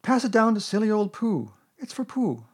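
Man playing a high-voiced, eager little boy. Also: animated, a little fast, darkish tone, husky. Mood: excited. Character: bright, earnest, eager young boy. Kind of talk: storybook character voice.

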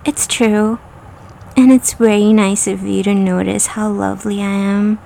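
A prim, flustered autocorrect program, high and unhurried in its delivery, as a woman plays it. Its talk swings between coy and pleading, always melodramatic, as in a comic parody sketch. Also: animated. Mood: coy protest. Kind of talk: comedic parody monologue.

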